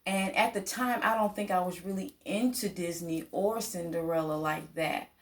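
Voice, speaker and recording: A woman casually telling a personal childhood story to her viewers, chatty and lively, laughing often and acting out the voices of people in it. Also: on the low side, moderate pace. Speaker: vlogger.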